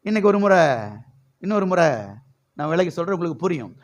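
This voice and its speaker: High-voiced man preaching with fervor. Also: fast talker. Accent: Tamil Nadu Tamil. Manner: call-and-response preaching, repeating phrases. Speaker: pastor. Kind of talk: sermon.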